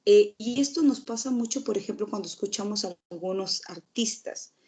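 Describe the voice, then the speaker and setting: A woman's voice: mid-range voice, normal speed, dark tone. A woman teacher giving a recorded lecture, explaining steadily and asking the class rhetorical questions.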